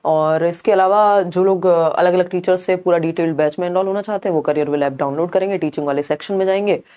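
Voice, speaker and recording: A woman's voice: on the low side, steady tone, quick pace, mellow, clean tone. A woman teaching a live online exam-prep class, chatty, often checking back with her viewers. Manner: chatty, mixes English into Hindi, asks the class to confirm.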